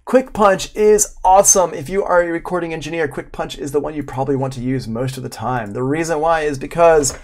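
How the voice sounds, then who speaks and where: A man in his forties, an audio production instructor, gives a casual live tutorial from a small room at home, explaining things in an informal, enthusiastic way. His fairly high, slightly mellow voice moves briskly with hardly any pauses.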